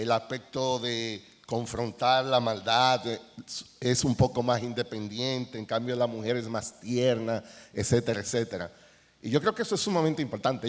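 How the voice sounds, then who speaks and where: A middle-aged man with a Dominican accent, a counselor speaking on a conference panel, telling anecdotes. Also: fairly low pitch. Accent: Dominican Spanish. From Dominican Republic. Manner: storytelling, animated anecdotes with quoted dialogue. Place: large conference hall. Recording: reverberant hall.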